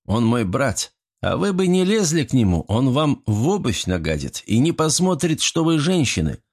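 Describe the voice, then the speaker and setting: A man voicing a stern, blunt young prince with a gruff, curt way of speaking. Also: medium pitch, very animated, normal speed, a little mellow, pitched above the performer's own voice.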